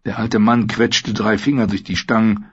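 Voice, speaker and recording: A man narrating an audiobook in a steady, measured reading. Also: on the low side, slightly rough, dry recording. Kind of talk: scripted narration. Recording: dull lo-fi sound.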